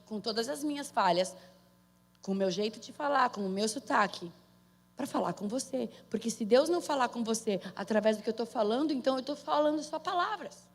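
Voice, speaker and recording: A woman with a Brazilian Portuguese accent preaching a sermon in a conversational way, calling out to her listeners. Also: a little high. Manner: conversational, calls to the audience for amen. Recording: long hall reverb.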